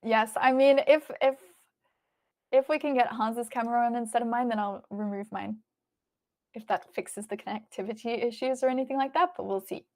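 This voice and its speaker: She speaks at normal speed with fairly even intonation, her slightly high voice carrying a darkish tone. An Australian-accented livestream host, she muses aloud and replies to viewer messages in a relaxed, casual way.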